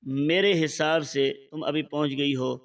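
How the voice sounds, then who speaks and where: A man's voice: a little high, steady tone, close to an everyday voice. A man voicing a loving, anxious father asking his daughter if all is well. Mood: worried. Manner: plain, warm, worried questions. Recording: voice slightly far from the mic.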